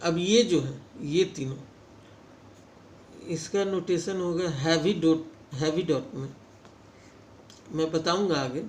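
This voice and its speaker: Slow, repetitive Hindi-speaking shorthand teacher. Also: male voice, a little high, a little mellow. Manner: slow, repeats each sound several times; addresses viewers as friends. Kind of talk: casual classroom lesson. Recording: echoey room with faint ambient noise.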